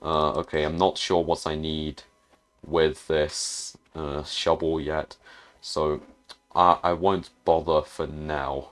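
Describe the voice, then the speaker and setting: A man talks through a video game in a very low voice. He takes his time, hesitating and trailing off as he thinks aloud. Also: little pitch movement, slow. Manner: hesitant, muttering to himself with restarts. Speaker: gaming YouTuber. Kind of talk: casual gameplay commentary.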